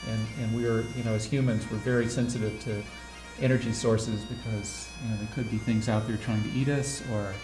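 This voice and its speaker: A man's voice: on the low side, fairly even intonation, brisk, hardly any pauses. A man musing reflectively, with some hesitation. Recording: roomy with music.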